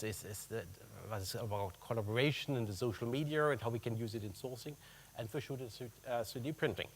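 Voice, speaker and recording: A German-accented purchasing executive speaks at a conference room business presentation with slides, wry and chatty at a medium pitch. He keeps it conversational, tagging lines with "huh?" to check in with the audience, and his English shows non-native phrasing along with wry asides.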